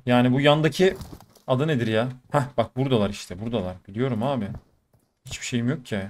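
A man giving casual running commentary over mobile shooter gameplay, talking to his viewers with sudden bursts of excitement. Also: medium pitch, fast talker. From Turkey. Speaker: gaming YouTuber.

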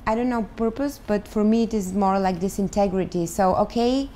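A woman's voice: medium pitch, a little fast, warm tone, a little hiss or hum. Bulgarian-accented woman in her thirties. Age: 30s. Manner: thoughtful, searching for words, many fillers. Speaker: guest, start-up founder. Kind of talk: interview answers. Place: living room, on a sofa.

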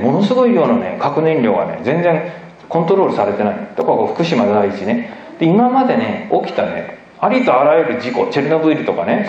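Animated man lecturing in an echoey hall. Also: fairly high pitch. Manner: animated, emphatic, often tags phrases with "ne". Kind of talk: public lecture with slides. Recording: echoey hall, dull lo-fi recording.

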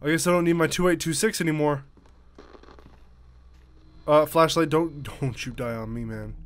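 A man's voice: a little high, fairly even intonation, normal speed. A man in his thirties with a Canadian accent, giving jokey, reactive let's play commentary with swearing. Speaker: gaming YouTuber. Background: game music.

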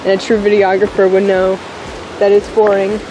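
A woman's voice: medium pitch, completely flat delivery, moderate pace, background noise. A young woman filming a casual vlog while joking with a friend, giggly and teasing. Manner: giggly and teasing, laughing often. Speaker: vlogger. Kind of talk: casual chat. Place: inside a gift shop. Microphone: handheld camera. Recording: shop music playing behind.

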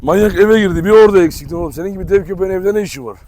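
A man's voice: high-pitched, racing, darkish tone, a little hiss or hum. A man, a dog breeder hosting a vlog, chatting casually to his viewers and calling to his dogs in an outdoor kennel yard. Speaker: dog breeder and channel host.

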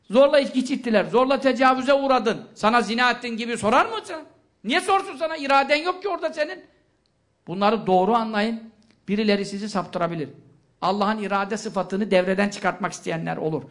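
Man, preacher, religious lecture, asks and answers his own questions, recites verses fast. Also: very high voice, a bit bright. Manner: rhetorical questions answered himself, reciting Arabic verses quickly.

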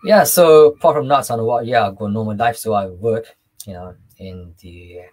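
Husky, low-voiced young man. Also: darkish tone, rough recording. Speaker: interview guest, devotional singer. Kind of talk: interview conversation. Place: small room indoors on a video call.

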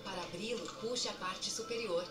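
A woman with a Brazilian Portuguese accent reads an in-flight safety announcement over the aircraft cabin PA in a formal, measured way. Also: medium pitch. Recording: echoey PA, distant, music behind.

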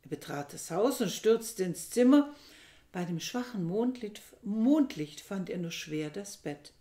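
A woman reading a novel aloud with measured, dramatic storytelling. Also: medium pitch, expressive, mellow. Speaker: reader. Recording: echoey room.

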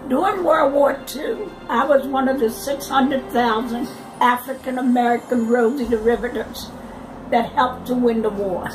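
A woman's voice: fairly high pitch, a little slow, music in the background, low-quality recording. A woman in her nineties proudly recounting her wartime work. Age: 90s. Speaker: interviewee, former sheet metal worker. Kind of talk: personal testimony.

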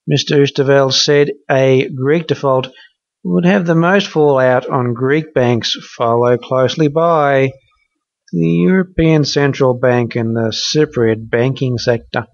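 A man reads financial news at an unhurried, deliberate pace, his voice at an ordinary middle pitch. The recording is dry and a little dull, like a lo-fi voice-over. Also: gravelly, no room sound. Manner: measured, reads quotes aloud with "quote" and "end quote". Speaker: podcast news reader.

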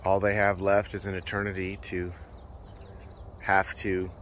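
A man's voice: low voice, completely flat delivery, a little slow, fairly bright tone, a little hiss or hum. A man in his thirties filming himself on a phone at outdoor ruins, preaching earnestly with many filler words. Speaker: preacher vlogger. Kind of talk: outdoor walking vlog with preaching. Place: outdoor ancient ruins, open hillside. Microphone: phone held at arm's length.

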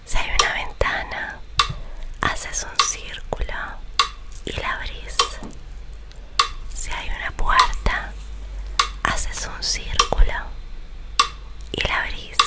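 Slow whispering young Rioplatense woman. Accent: Rioplatense Spanish. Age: young adult. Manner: slow, soothing, instructive, with long pauses. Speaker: ASMR host guiding a relaxation visualization. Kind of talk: whispered ASMR guided visualization. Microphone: close large studio microphone.

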